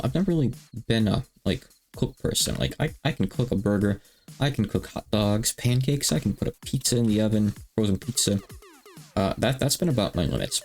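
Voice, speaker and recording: Man in his thirties, gravelly low voice, rambling casual stream chat, faint music behind. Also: darkish tone. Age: 30s. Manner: rambling, self-deprecating, many fillers and restarts. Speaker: livestreamer.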